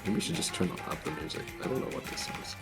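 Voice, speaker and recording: A man with a very deep, gravelly voice talks through a showcase stream from an empty meeting room at work. His voice bounces around with a cave-like echo. He rambles in a laid-back, joking way, swinging his pitch up and down a lot, with music playing behind him. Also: expressive, fast. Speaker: mappool showcase host. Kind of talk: casual stream commentary.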